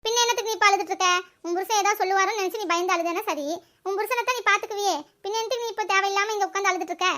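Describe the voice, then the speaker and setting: A woman voicing a sharp-tongued, gossiping adult village woman in a cartoon. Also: very high voice, fairly even intonation. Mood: scolding. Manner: scolding, quick and mocking. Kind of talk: cartoon voice acting.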